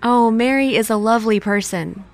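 A woman's voice: on the high side, normal speed, soft background music, close to an everyday voice. A woman playing a friendly young woman in a scripted lesson dialogue, eager and polite.

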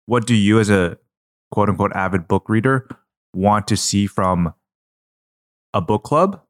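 A man with a fairly low voice co-hosts a casual podcast from his own kitchen table. He works out his ideas aloud, restarting and hedging as he talks. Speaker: podcast co-host. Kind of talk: casual chat.

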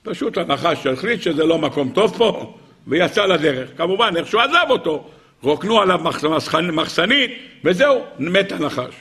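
High husky-voiced rabbi teaching. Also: male voice. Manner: animated storyteller who acts out shouts. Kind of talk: weekly Torah lesson.

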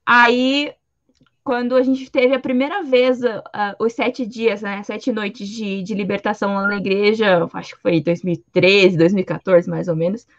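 A woman sharing a faith testimony in casual chat, speaking haltingly with many restarts. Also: medium pitch, fairly even intonation. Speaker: guest giving testimony. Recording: dry, slightly dull recording.

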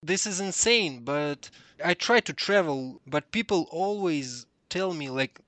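A Russian man with a fairly high voice and a close, dry sound. He talks casually but earnestly, with a Russian accent and emphatic, halting non-native phrasing, as a guest in a conversation. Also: lively intonation, fairly bright tone, no room sound. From southern Russia. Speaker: interview guest, 3D artist.

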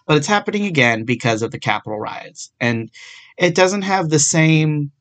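A man's voice: on the high side, animated, moderate pace, fairly bright tone. A young man in law school hosting his own solo podcast, talking through a legal topic in a casual, self-deprecating way with dry sarcasm. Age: young adult. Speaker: podcast host.

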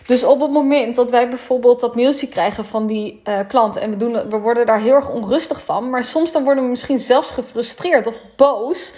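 Frank, higher-voiced woman coach. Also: fairly even intonation, moderate pace, few pauses, mellow. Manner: frank, swears, drops English phrases. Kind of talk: casual monologue.

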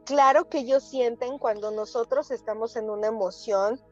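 Animated woman telling stories. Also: fairly high pitch, moderate pace, dull audio, faint music behind. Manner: animated storyteller, acts out quotes. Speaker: guest therapist. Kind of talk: casual talk show chat.

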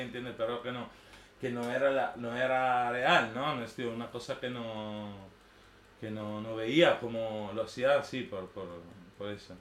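A medium-pitched man in his thirties with an Italian accent, native to northern Italy, gives an informal, unscripted personal talk as an artist. Hesitant and rambling, he regularly checks for agreement. The space echoes around him, with faint background noise.

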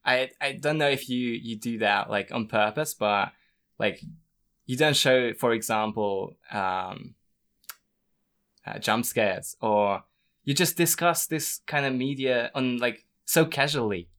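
A man at an ordinary pitch speaks earnestly in a relaxed conversation. He restarts his phrases as he searches for words. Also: slow. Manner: earnest, appreciative, hesitant. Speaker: conversation guest. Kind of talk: casual conversation.

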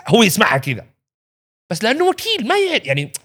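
A man, a podcast guest who tells animated stories, acts out quotes and laughs often. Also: sits high, fast, breathy edge. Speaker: podcast guest, actor and writer. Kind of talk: casual storytelling chat.

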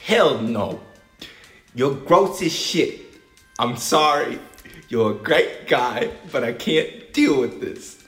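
A man voicing a blunt, exasperated young woman in a high put-on voice during an improvised table read. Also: lively intonation, a bit bright, roomy sound, soft background music. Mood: disgusted. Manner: high put-on voice, drawn-out lines.

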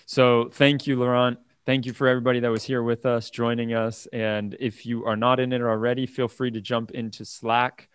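A man hosting a casual tech interview, upbeat and quick to laugh as he sums up and closes the show. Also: medium pitch, level tone, smooth, dry recording, clean studio sound. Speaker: host.

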